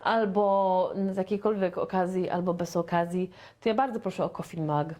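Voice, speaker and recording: A woman from Poland teaching a beginner English lesson, chatty and playful, stretching out her model sentences very slowly. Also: fairly low pitch, fairly even intonation, a little mellow. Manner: slow, deliberate, with very drawn-out model sentences; chatty and playful, with sound effects.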